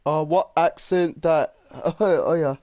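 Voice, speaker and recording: A man from England giving casual, rambling commentary while playing a game, talking fast and swearing when things go wrong. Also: on the high side, mellow, no room sound. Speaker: gamer commentator. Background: faint game music.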